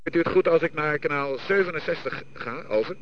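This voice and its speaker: Lifeboat crewman, male, marine VHF radio; matter-of-fact, muffled line with clear static. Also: a little high, a little fast. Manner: matter-of-fact, hesitant fillers. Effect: marine VHF radio transmission. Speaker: lifeboat crew member.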